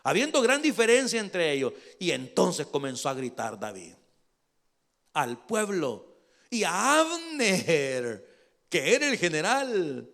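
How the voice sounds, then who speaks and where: A man's voice: sits high, wildly swooping pitch, slow, gravelly, fairly bright tone. A male pastor preaching a sermon in a conversational way, checking in with his listeners and joking as he goes.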